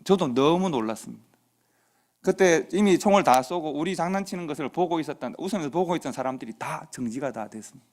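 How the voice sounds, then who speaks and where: Korean pastor telling a story. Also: male voice, on the high side, lively intonation, fast talker, a little mellow. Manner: conversational anecdote with quoted dialogue. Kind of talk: sermon storytelling. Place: church sanctuary.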